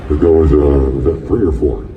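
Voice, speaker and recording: A man performing a deadpan stand-up comedy set, boasting mock-proudly about deliberately bad accents. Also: extremely low pitch, a little hiss or hum. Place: outdoor festival stage. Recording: roomy, distant, dull audience recording with crowd.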